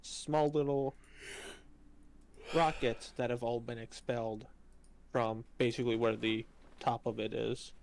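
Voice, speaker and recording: A man's voice: mid-range voice, little pitch movement, unhurried, gravelly, long pauses, slight background noise. A man narrating a tabletop game as game master, hesitant with many ums and restarts, his voice strained.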